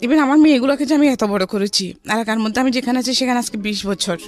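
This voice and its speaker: A fast-talking middle-aged woman with a slightly high voice and a Bangladeshi accent shares her life story conversationally. English words pop up in her speech, and music can be heard behind her.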